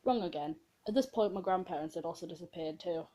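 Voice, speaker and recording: A woman's voice: on the low side, fast, mellow, low-quality recording. A woman reading her own old story aloud in a casual way, giggling and breaking off with self-mocking asides.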